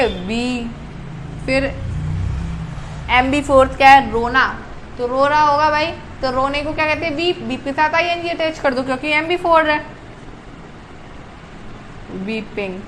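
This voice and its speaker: A woman, her voice sitting high, walks through a grammar lesson. She fires off questions and answers them herself, catching and fixing her own slips. A faint background noise runs under her voice. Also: a little slow, long pauses, fairly bright tone, rough recording. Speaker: English grammar teacher. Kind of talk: classroom-style grammar lesson.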